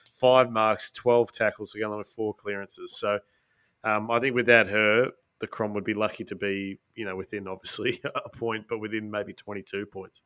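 Emphatic, bright Australian man. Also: lowish voice, smooth. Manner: emphatic, blunt. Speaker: podcast co-host. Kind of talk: casual sports chat.

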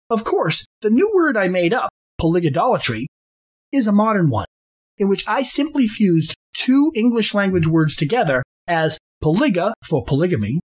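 A man hosting a podcast, reading a scripted monologue in a formal, deliberate and precise way, sometimes spelling words out letter by letter. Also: high voice, slightly rough. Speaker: podcast host.

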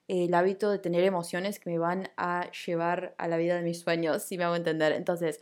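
A woman's voice: mid-range voice, darkish tone. A young woman with a Rioplatense accent, hosting a casual solo podcast in an upbeat, chatty, confiding way. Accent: Rioplatense Spanish. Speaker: podcast host.

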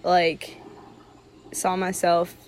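A woman's voice: fairly low pitch, monotone, extremely slow, clean tone. A young woman in casual podcast chat, talking loosely with constant "like" fillers. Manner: chatty, heavy use of 'like', laughs easily.

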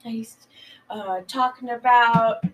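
A woman in casual chat, excitedly retelling a film plot with lots of laughter and casual swearing. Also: on the high side, slow, dull audio, a little hiss or hum. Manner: giggly, animated storytelling, swears casually. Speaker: podcast guest.

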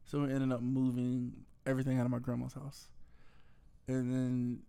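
A man, a truck driver, chatting casually with his partner in a hotel room and telling stories with lively quoted voices. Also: medium pitch, moderate pace, vocal fry, clear, resonant tone. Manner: animated storytelling, acts out quotes. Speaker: truck-driving vlogger. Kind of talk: casual couple chat. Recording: roomy hotel-room sound.

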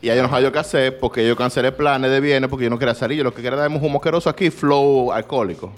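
A man's voice: mid-range voice, steady tone, rapid-fire, faint music behind. A young man, rambling through a story in slangy casual chat as podcast co-host.

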